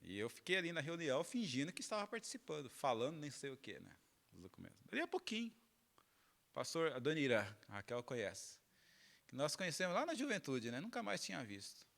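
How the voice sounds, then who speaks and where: A man's voice: on the high side, sing-song, a little fast, gravelly, fairly bright tone. A middle-aged man from Minas Gerais, a pastor telling a personal story during a sermon, acting out the dialogue and laughing along. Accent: Minas Gerais Portuguese.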